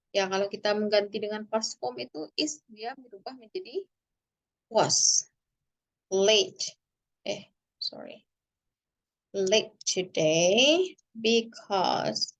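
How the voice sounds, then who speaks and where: Slow, gravelly-voiced Indonesian woman teaching. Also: mid-range voice. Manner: slow, deliberate, switches between English and Indonesian. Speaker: English teacher. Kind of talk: online grammar lesson.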